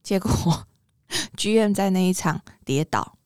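A woman with a Taiwanese Mandarin accent telling a story in casual podcast chat, animated and expressive. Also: medium pitch, a little slow, clear, resonant tone, dry recording, studio quality. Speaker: podcast co-host.

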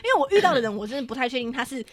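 A woman with a Taiwanese Mandarin accent, telling stories in a casual podcast chat, animated and swearing freely. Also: high-pitched, rapid-fire, faint music behind. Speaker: podcast co-host.

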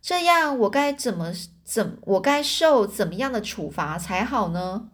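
A woman voicing a courteous, calm and wry male detective in a storybook reading. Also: medium pitch, lightly acted. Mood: polite. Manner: courteous and unhurried.

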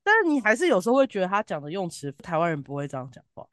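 A woman co-host speaks in a casual, opinionated way with a southern Taiwanese Mandarin accent. Her slightly low voice swings widely in pitch as she makes blunt, emphatic points, and it sounds close and dry. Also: sing-song, rapid-fire, no echo. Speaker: podcast co-host reviewing TV drama.

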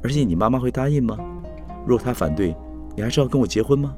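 A man's voice: mid-range voice, lively intonation, fast talker, over music, voice pushed up, natural voice. A self-assured woman who stays cool and firm, a little exasperated, in a storybook telling, as a male narrator puts her on. The voice sits slightly raised and moves a lot. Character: confident independent woman, calm and firm.

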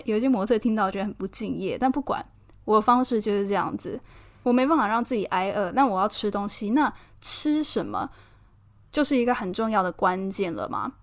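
A woman from Taiwan with a Taiwanese Mandarin accent, chatting casually and expressively as a podcast host, laughing often. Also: mid-range voice. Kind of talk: casual personal chat.

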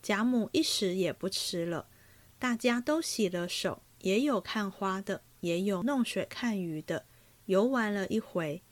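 A woman hosting a podcast, reading a classic novel aloud in a steady storytelling voice. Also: medium pitch, measured pace, dry recording.

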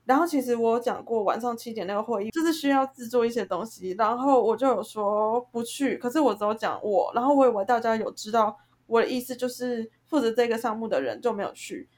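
A woman's voice: a little high, fast, few pauses. A young woman, co-hosting a casual chat and ranting heatedly about a group conflict. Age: young adult. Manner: heated, ranting, animated storytelling. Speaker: podcast co-host.

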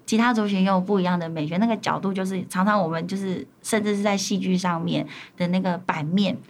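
A woman's voice: on the low side, fairly even intonation, fast talker. A woman teacher from Taiwan's Paiwan community, chatting in an interview and acting out little quoted exchanges. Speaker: elementary school teacher and administrator. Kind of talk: conversational interview answers.

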